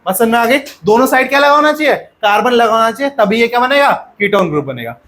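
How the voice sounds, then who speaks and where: A man's voice: very high-pitched, expressive, fast, fairly bright tone. A male teacher lecturing a classroom of pupils, often asking questions and repeating the answers.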